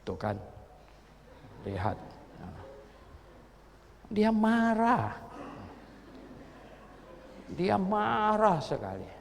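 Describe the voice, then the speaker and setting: A man preaching a sermon to his congregation, emphatic, repeating phrases and swinging between quiet asides and loud exclamations. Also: high voice, sing-song, extremely slow, gravelly, long pauses, long reverb tail, a little hiss or hum. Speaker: pastor.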